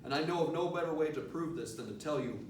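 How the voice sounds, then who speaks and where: A man giving an earnest, emphatic motivational lecture to students, leaning on rhetorical questions. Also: fast. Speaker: motivational speaker, teacher addressing students. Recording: echoey room, distant mic, low rumbling noise.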